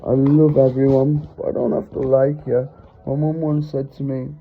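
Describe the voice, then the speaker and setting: A man's voice: medium pitch, level tone, normal speed, a little hiss or hum. A middle-aged man giving an earnest, rambling preaching monologue into his phone, heartfelt and often stopping to apologize. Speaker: religious vlogger. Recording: tinny phone-line sound.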